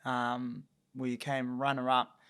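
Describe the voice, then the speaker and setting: A young man with a New Zealand accent, a guest on a casual interview, chatty and quick to laugh as he tells stories. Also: mid-range voice, completely flat delivery, fairly bright tone, clean tone. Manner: chatty, laughs often while telling stories. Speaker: guest boxer.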